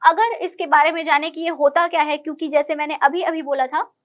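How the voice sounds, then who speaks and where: A woman's voice: sits high, fairly even intonation, a little fast, lo-fi sound. A woman teaching an online exam-prep English lesson, explaining each question patiently and repeating key words.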